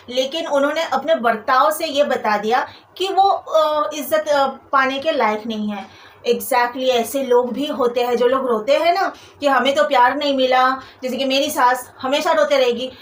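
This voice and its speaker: High-voiced woman venting to her viewers in a vlog, echoey room, a bit off mic. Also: recorded from a distance, slight background noise. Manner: venting, indignant, talks to viewers directly. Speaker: vlogger. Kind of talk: personal storytelling vlog.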